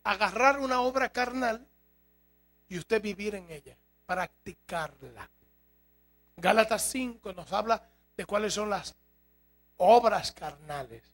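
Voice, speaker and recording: A man's voice: high voice, animated, slow pace, long pauses, fairly bright tone. A man preaching a sermon to his congregation, emphatic and full of rhetorical questions. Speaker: pastor. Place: church.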